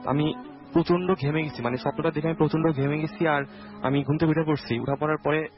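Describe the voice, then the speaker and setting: A young man from Bangladesh calling in to tell a true ghost story in casual, halting speech full of restarts and self-corrections. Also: a little high, fairly even intonation. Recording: dull lo-fi radio audio with faint music.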